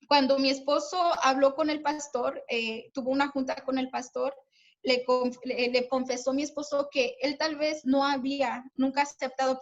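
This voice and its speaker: A woman's voice: high voice, lo-fi sound. A woman speaking as guest at a women's church meeting, giving an earnest personal testimony, with many fillers and restarts, speaking to her listeners as sisters. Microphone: video call.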